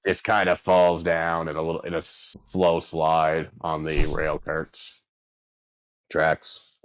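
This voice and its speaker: Male game master, notably deep, halting and casual tabletop narration. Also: monotone. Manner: halting, thinking aloud.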